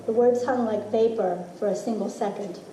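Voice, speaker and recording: A middle-aged woman with a mellow, soft-edged, slightly high voice reads a literary personal essay to a live audience. She performs it expressively and deliberately, using dramatic pauses. The mic sits at a distance in a roomy space, with faint noise audible.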